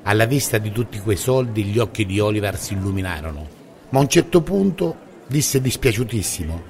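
Low, calm male storyteller. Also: brisk, creaky, a little hiss or hum. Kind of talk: scripted storybook narration.

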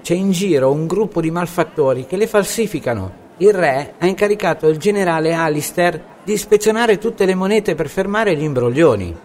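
A man's voice: sits high, expressive, moderate pace, hardly any pauses, darkish tone, voice pushed up. A man voicing a friendly, polite male market trader in a storybook reading. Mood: jovial.

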